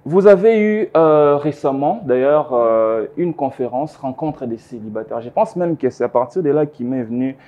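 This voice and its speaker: A man's voice: medium pitch, expressive, moderate pace, hardly any pauses, lo-fi sound. A young man hosting a TV studio interview, asking questions with hesitant fillers and short affirmations. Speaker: TV host. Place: TV studio set. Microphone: lapel mic.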